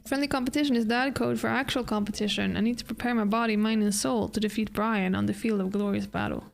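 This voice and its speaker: A woman's voice: mid-range voice, fairly even intonation, fast talker, creaky, faint music behind, close to an everyday voice. A woman reading the lines of a goofy, proud adult male dad in a dating game, earnestly. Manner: earnest, reads dialogue aloud.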